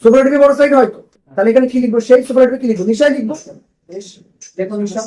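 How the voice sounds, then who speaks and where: A man's voice: very high-pitched, rapid-fire, dark tone, low-quality recording. A man teaching a grammar lesson to a class in a classroom, asking questions and repeating the students' answers.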